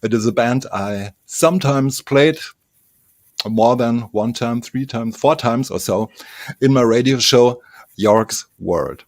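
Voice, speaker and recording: A man's voice: medium pitch, takes it slowly, no echo. A man from Germany with a German accent, hosting a casual interview show in English and chatting in a friendly, slightly nervous way with frequent restarts. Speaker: host.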